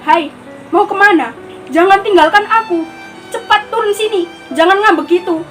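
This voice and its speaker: Stage monologue: a schoolgirl as a lonely jailed prisoner, high-voiced, bossy and suspicious, faint music under it. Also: normal speed, a bit bright, low-quality recording. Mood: pleading. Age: teens. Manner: scolding, swinging from pleading to threatening. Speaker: student performing a monologue. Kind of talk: theatrical monologue.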